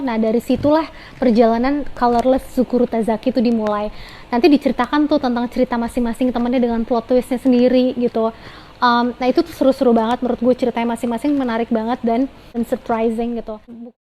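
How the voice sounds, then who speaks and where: Chatty young woman, higher voice. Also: darkish tone, poor audio. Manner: chatty, mixes English into Jakarta slang. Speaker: book reviewer. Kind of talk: casual book review.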